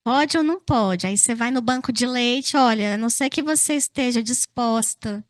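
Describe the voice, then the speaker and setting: A young Brazilian woman psychologist giving a lively, self-mocking talk to an audience, full of rhetorical questions. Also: fairly high pitch, dry recording, studio quality. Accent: Brazilian Portuguese. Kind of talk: personal lecture to an audience.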